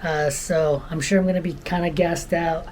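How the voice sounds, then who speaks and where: A woman's voice: sits low, fairly even intonation, moderate pace, darkish tone, slight background noise. A woman chatting casually to camera as a vlogger, in a tentative, loosely rambling way. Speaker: running vlogger.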